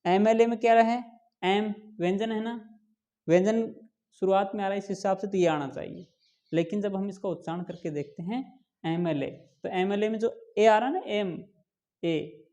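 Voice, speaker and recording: Guy teaching grammar, mellow low-key voice, keeps asking questions then answering them, drags out the examples slow. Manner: asks questions and answers them himself, emphatic; drawn-out slow pronunciation of examples. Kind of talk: classroom lesson explaining English grammar.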